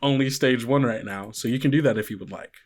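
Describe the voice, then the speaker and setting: A male game master runs an actual-play horror podcast, narrating in a fast, conversational, improvised way. His pitch is average, and he frequently puts questions to the players.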